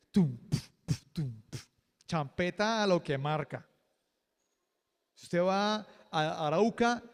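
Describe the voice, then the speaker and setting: A man preaching a sermon as pastor, lively and joking, acting out quotes. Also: high voice, in a large hall. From Colombia. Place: church hall.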